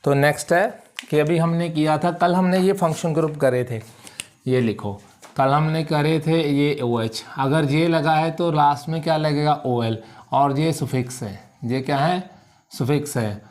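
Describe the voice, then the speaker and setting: A man's voice: on the high side, measured pace. Man teaching, asking and answering himself. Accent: Punjabi. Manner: drills with repeated questions and answers. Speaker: chemistry teacher. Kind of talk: classroom lecture at a board.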